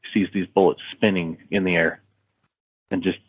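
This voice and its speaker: A man's voice: low-pitched, flat delivery, normal speed, no echo. A man, an author guest on a podcast interview, retelling a story in a rambling way with many fillers and restarts. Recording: tinny phone-like line, dry.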